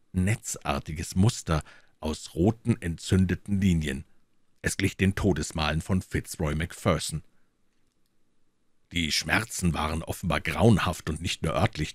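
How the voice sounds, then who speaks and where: A man reading a detective story aloud in a measured storytelling manner. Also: a bass voice, slightly rough, dry recording, studio quality. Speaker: audiobook narrator. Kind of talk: dramatic audiobook reading.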